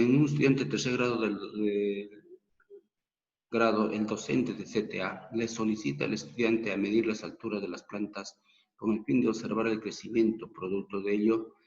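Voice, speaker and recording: Deep-voiced Peruvian teacher in an echoey room. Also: male voice, darkish tone. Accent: Peruvian Spanish. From Peru. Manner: slow, patient, counts aloud step by step. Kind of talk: math lesson. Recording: dull, roomy, echoey recording.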